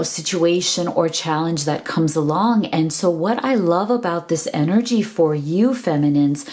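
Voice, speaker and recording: A woman's voice: lowish voice, a little mellow. A middle-aged woman giving a tarot reading, gushing and affirming, often tagging her sentences with "right?". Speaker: tarot reader.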